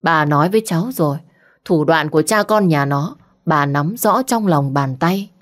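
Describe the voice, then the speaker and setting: A woman voicing a stern, lecturing old grandmother in a storybook, in a lowish voice. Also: moderate pace, natural voice. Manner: authoritative, lecturing. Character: stern old grandmother, matriarch of a rich house.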